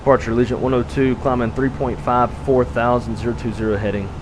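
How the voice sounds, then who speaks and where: A man's voice: medium pitch, quick pace. A man speaking as an airline pilot on a headset, giving clipped procedural callouts and radio readbacks. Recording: loud steady cockpit hum.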